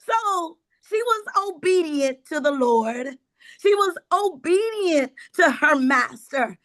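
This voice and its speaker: A woman's voice: sits high, expressive, slow pace, a bit bright. A middle-aged woman pastor preaching a sermon, retelling the story dramatically and repeating key phrases.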